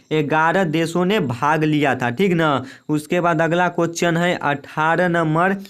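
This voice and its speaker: Young male tutor, clear and slightly high, patient and repetitive, reading multiple-choice questions. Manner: repetitive, drilling each answer with "remember it well". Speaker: exam-prep teacher. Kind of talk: quiz lesson reading questions and options.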